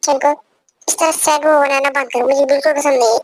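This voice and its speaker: A woman's voice: high voice, steady tone, fast talker, slight background noise, lightly acted. A young woman voicing a possessive, domineering young husband who gives orders in an amateur fan dub. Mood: bossy. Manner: commanding, repeats orders.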